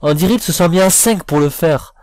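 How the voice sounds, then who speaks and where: Grumbling bluntly in slangy, casual terms, a video reviewer voices his criticism over a music bed. The man sounds a little high and a little fast, with a darkish tone and no room sound.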